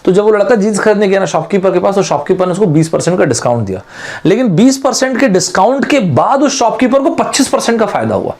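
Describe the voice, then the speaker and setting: A male teacher gives an online exam-prep lesson in a fairly high voice. He talks to his students in a chatty, friendly way and mixes English terms into his explanations. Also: very animated, fast, darkish tone. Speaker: aptitude teacher.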